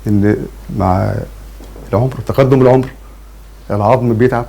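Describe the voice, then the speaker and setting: A man's voice: medium pitch, steady tone, moderate pace, vocal fry, dark tone. A man in his fifties with an Egyptian Arabic accent, an earnest and grateful talk show guest. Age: 50s. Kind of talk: casual TV interview.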